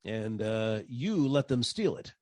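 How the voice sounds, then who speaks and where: In an old-time radio drama, a male actor plays a wisecracking private detective who never gets rattled, speaking in a husky, wry, brisk way with a cool, dry mood. His voice is medium-pitched, sing-song and a little mellow, on a dry recording.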